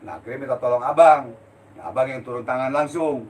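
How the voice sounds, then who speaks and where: An older man giving a blunt, forceful, street-style religious talk on a live stream as a spiritual healer, often out of breath. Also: medium pitch, fairly even intonation, fairly quick. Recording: distant mic with faint noise.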